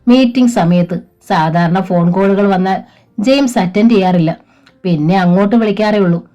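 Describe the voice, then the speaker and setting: Mellow-voiced woman narrating a novel. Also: medium pitch, dull audio. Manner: measured storytelling, voices each character. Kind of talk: scripted audiobook narration.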